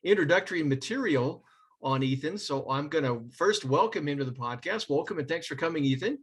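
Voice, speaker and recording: A man's voice: on the high side, expressive, brisk, fairly bright tone, breathy edge. A man hosting an interview podcast, introducing his guest in a chatty, slightly stumbling way. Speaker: podcast host.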